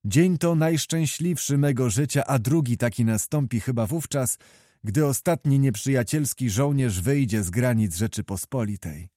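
A man's voice: mid-range voice, normal speed, dark tone, dry recording, studio quality, natural voice. A man voicing a joyful, pious king who speaks in exclamations, in a read-aloud historical novel. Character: joyful pious male king, warm and commanding.

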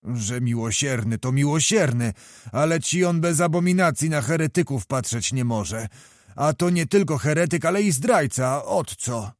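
A man's voice: a little high, animated, normal speed, dry recording, clean studio sound, close to an everyday voice. A man voicing an older, garrulous nobleman who hems and repeats his words. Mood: rambling, musing. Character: older garrulous male nobleman, hemming and blustering.

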